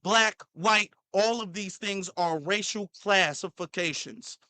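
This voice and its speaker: A man's voice: high-pitched, takes it slowly, pushed and bright, no echo. A man hosting a commentary channel, reacting to a clip in a heated, repetitive way, sometimes stumbling over his words.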